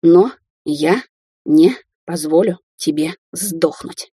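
A woman's voice: fairly low pitch, big pitch swings, moderate pace, warm tone, slightly rough, no room sound, clean studio sound, exaggerated voice. A woman reading an audiobook, voicing a fiery, blunt young woman who snaps back indignantly. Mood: fierce. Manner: snapping, outraged.

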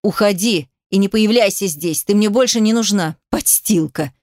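A woman's voice: mid-range voice, normal speed, darkish tone, no room sound, clean studio sound, close to an everyday voice. A woman voicing a young man who speaks with irritation and a sneer. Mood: contemptuous. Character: young man, the ex-fiancé, cold and contemptuous.

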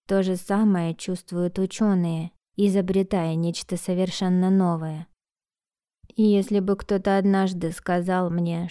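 A woman narrates a novel in the first person at a slow, unhurried pace. Her tone is mellow and soft, and the recording is dry with no room echo. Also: on the low side, smooth. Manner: slow, soft, measured reading. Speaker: audiobook narrator.

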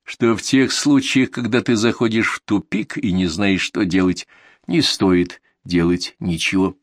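A man voicing a gloomy, dignified donkey in an audiobook reading, talking glumly, slowly and deliberately. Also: lowish voice, steady tone, no room sound, studio quality. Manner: glum, slow, deliberate.

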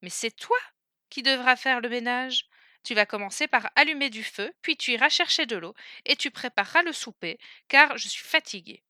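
A woman's voice: a little high, animated, moderate pace, bright, forceful tone, dry recording, studio quality. A woman voicing a poor male beggar who talks in a firm, scolding, commanding way. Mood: stern. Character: stern poor male beggar, gruff and bossy.

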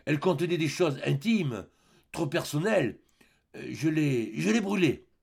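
A frightened young woman who begs and stammers, her voice lifted high and swinging widely between words, as a male audiobook reader puts her on. She sounds hurried and halting, like someone pleading under great strain. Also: lively intonation, breathy edge. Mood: evasive. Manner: trembling, begging, halting. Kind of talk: audiobook character voice.

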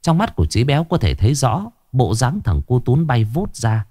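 Animated male ghost-story narrator. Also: mid-range voice, normal speed, dry recording, clean studio sound. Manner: expressive, animated. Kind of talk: scripted horror story narration. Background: faint music.

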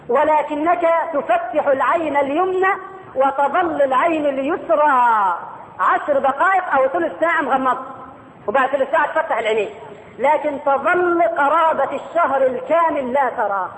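High-pitched Egyptian preacher in an echoey hall. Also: male voice. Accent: Egyptian Arabic. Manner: animated, questioning the audience, dramatic slowdowns. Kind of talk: sermon. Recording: echoey hall with faint ambience.

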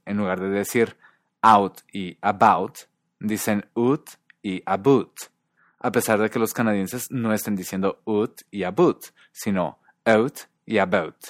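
A man hosting a podcast, explaining pronunciation and acting out sounds with deliberately exaggerated examples. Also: on the low side, no echo, clean studio sound. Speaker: podcast host. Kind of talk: explanatory language lesson.

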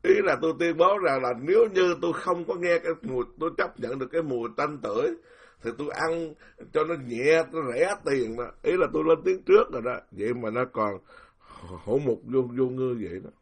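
An older Buddhist monk with a Southern Vietnamese accent talks casually with a gravelly, husky voice. He sounds indignant and rambling, stumbling over repeated words and laughing now and then. It is an informal spoken dharma talk. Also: a little high, lively intonation, a little fast.

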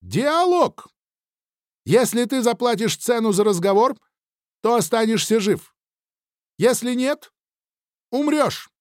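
Male reader doing a thin, high, haughty alien mind that taunts; dry audiobook read. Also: sing-song, slow, pauses often, clear, resonant tone, no echo, full character voice. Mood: cold. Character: eerie alien mind, thin womanly or childlike voice. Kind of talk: audiobook character voice.

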